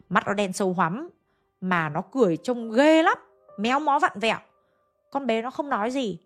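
Rich: a woman tells a ghost story the way you would tell a friend, chatty and emphatic. Her voice sits at a middle pitch, and faint music runs underneath. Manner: chatty, conversational, with emphatic asides. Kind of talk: casual spoken storytelling.

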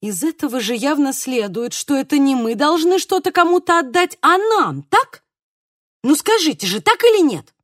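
A woman's voice: high voice, sing-song, brisk, hardly any pauses, no echo, studio quality, pitched above the performer's own voice. A woman voicing an eager, insistent female relative who presses for answers. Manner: pushy, rising questions.

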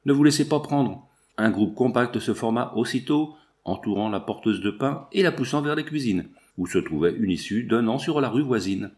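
A man narrating a nineteenth-century novel aloud in a measured, expressive reading. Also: fairly low pitch. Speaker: audiobook narrator. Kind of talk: scripted narration.

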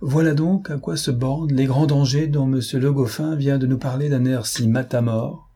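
A man voicing a sharp, ironic female governess. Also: fairly low pitch, lively intonation, normal speed, slightly rough. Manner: ironic, mocking.

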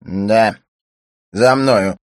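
A man's voice: no echo, studio quality. A man reading a novel aloud and voicing a sour, grumbling middle-aged male cynic who sneers and drags out his words. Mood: mocking. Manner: sneering, drawn-out and squeaky.

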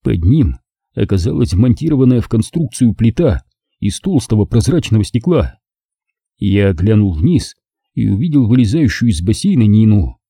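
Male audiobook reader, very dark husky tone, lively first-person narration. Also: fairly low pitch, moderate pace, no echo, clean studio sound. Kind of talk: first-person novel reading.

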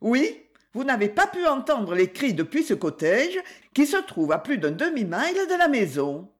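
This woman speaks at normal speed in a fairly high, very animated voice, pitched above her natural register. Her character is a calm, genteel, amiable lady investigator who lightly and politely questions a suspect with composed courtesy.

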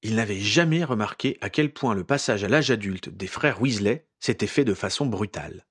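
A man narrating a fan fiction story aloud in an expressive, dramatic reading style. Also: lowish voice, moderate pace, husky.

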